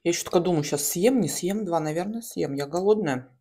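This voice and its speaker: A woman in her thirties chats casually and slangily while eating in a mukbang, chewing and smacking, with pauses between bites. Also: on the low side, dark tone. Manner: colloquial, slangy. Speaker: mukbang host. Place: small room at home, at a table.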